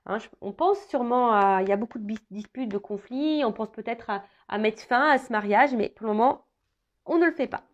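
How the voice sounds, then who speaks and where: Woman tarot reader talking casually to viewers, halting delivery full of fillers, slightly muffled recording. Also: a little high. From France. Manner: hesitant, many fillers and restarts.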